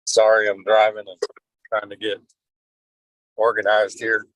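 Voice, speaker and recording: A man calling in on a speakerphone while driving his car, briefing a school board as a district administrator in a halting, filler-heavy way. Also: on the low side, monotone, fairly bright tone, no room sound, poor audio. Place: in a moving car.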